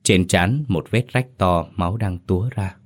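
A man with a deep, low voice reads a dramatic story aloud. His delivery is steady and even, in the manner of scripted narration. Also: unhurried.

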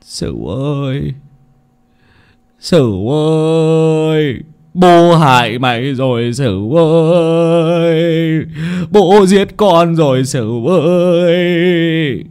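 A man voicing a condemned old man who pleads in a slow, drawn-out wail. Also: fairly high pitch, darkish tone, smooth, soft background music, pitched above the performer's own voice. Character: old man condemned, begging for his son.

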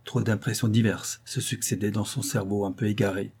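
A man reading a classic novel aloud as narrator, steady and measured. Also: lowish voice, breathy edge. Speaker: audiobook narrator.

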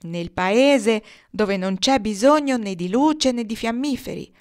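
A woman reader gives a cheerful, firm young boy riding with the geese, in a raised storybook voice. He calls out his replies slowly and loudly in a sing-song refrain. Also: fairly high pitch, expressive, voice pushed up. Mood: calling, firm.

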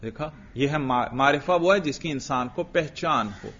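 A male religious teacher giving a classroom grammar lecture, drilling students with repeated questions and chanting phrases slowly in a sing-song. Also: medium pitch, fairly bright tone. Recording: dull lo-fi lecture recording.

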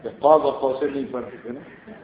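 A man's voice: mid-range voice, fairly even intonation. A man with a Pakistani Urdu accent teaching scripture in a classroom lecture, explaining the Arabic text line by line and telling stories as he goes. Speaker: hadith teacher. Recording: roomy, dull lo-fi recording.

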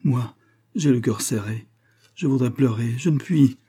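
A man reading the part of a young man deeply moved by love, speaking in an earnest, emotional way in an audiobook. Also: a little slow, warm tone, natural voice.

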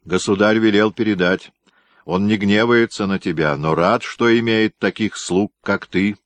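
A man's voice: lowish voice, big pitch swings, a little slow, dry recording, heavily acted. A man voicing Ignatiy, a sturdy, devoted young guardsman speaking eagerly in a storybook reading.

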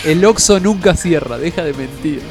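A man co-hosting a podcast, dropping wry, deadpan jokes in casual chat. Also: fairly high pitch, normal speed, soft background music. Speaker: podcast co-host.

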